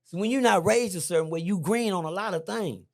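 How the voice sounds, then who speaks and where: A middle-aged man, a podcast guest, telling a story in a lively, slangy way, repeating himself and jumping high when excited. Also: fairly quick, vocal fry. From Texas. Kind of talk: animated storytelling. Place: podcast studio.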